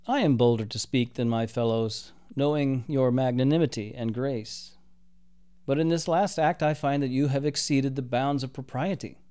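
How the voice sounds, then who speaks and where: A man's voice: medium pitch, a little mellow, close to an everyday voice. A man voicing a proud, disdainful archangel captain who speaks in a haughty, formal, archaic way.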